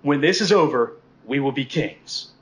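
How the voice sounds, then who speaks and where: A man's voice: mid-range voice, expressive, moderate pace, close to an everyday voice. A man playing a bombastic, cocky coach who delivers a grandiose, sweary, comedic halftime pep speech to his team. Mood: rousing, intense. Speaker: coach giving pregame speech.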